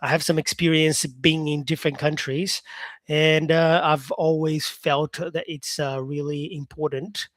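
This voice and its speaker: A man's voice: a little high, flat delivery, measured pace, a bit bright, no echo, studio quality. Upbeat Brazilian-born man teaching English. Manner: casual, upbeat, sprinkles in "yeah". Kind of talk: live-stream chat with viewers.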